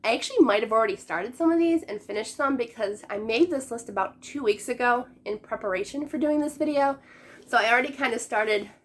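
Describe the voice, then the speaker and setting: Woman, late 20s, book vlogger; fairly high, slightly hoarse voice from a cold; chatty, upbeat. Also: fairly quick. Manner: chatty, upbeat, laughs often. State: sick, voice going. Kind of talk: casual chat to camera.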